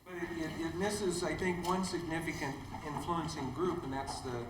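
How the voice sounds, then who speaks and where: A man's voice: fairly high pitch, steady tone, moderate pace. Hesitant audience man, echoey hall. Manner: hesitant, restarts. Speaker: audience member. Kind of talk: question from the floor. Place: lecture hall. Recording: echoey hall with clear noise.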